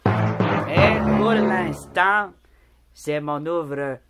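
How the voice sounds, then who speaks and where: A vlogger from Quebec chats casually while working at home, joking, rambling and laughing often. The mid-range voice swings widely in pitch and draws words out, over background music, in a noisy home recording punctuated by squawks from pet birds.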